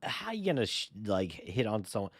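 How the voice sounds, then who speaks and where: A man reacting to a video in loose, rambling casual chat, full of "like" and the odd curse. His voice sits fairly low but shoots up when he's incredulous. The sound is dry and close, with no room around it. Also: sing-song, moderate pace, husky, dry recording. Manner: rambling, filler-heavy, swears freely; rises to high incredulous pitch when riled.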